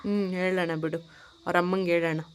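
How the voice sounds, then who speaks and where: A woman filming a casual home vlog, talking gently and coaxingly as a mother and chatting to her viewers. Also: lowish voice, fairly even intonation, quick pace, smooth. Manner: gentle, coaxing, soft-spoken. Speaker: vlogger and mother.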